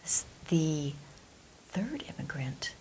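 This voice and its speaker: A woman telling a folk tale expressively, with dramatic, deliberate phrasing. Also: sits low, very animated, a little mellow, low-quality recording. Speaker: storyteller. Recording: clear background hiss.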